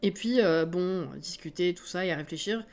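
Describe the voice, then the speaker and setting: A woman with a French accent, streaming live and chatting casually with her viewers, self-mocking and quick to laugh. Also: fairly low pitch, a little mellow, faint music behind.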